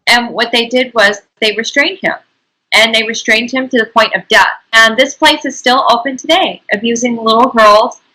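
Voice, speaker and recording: A woman's voice: fairly high pitch, moderate pace, sharp tone, low-quality recording. A woman hosting an interview, speaking indignantly and emphatically, repeating her points. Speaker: interviewer, host.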